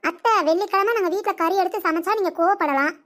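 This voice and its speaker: A woman's voice: very high voice, fast. A woman voicing a meek naive young wife. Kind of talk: cartoon comedy voice acting.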